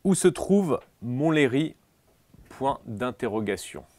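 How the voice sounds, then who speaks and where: Slow, solemn man dictating aloud. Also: medium pitch, very animated, a little mellow, no room sound. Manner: slow and solemn, repeats each phrase. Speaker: examiner dictating questions. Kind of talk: comic dictation sketch, spoken punctuation.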